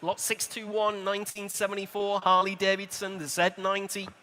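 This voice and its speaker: A British auctioneer calls bids over a PA in a large, reverberant indoor hall at a motor show, repeating prices rhythmically. His voice is high-pitched, monotone, brisk and sharp, yet he keeps up polite, courteous, chatty asides to the bidders.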